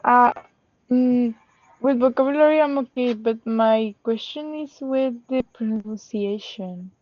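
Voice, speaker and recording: A female student with a Mexican accent asks her questions slowly and hesitantly over a video call. Her voice is fairly high and she speaks at a very unhurried pace. The sound is dry and a little muffled. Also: no room sound. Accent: Mexican Spanish.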